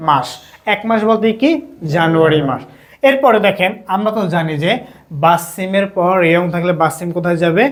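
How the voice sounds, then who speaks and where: High-voiced man teaching with self-answered questions. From Bangladesh. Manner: asks questions and answers them himself, repeating. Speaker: language teacher. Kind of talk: classroom lesson.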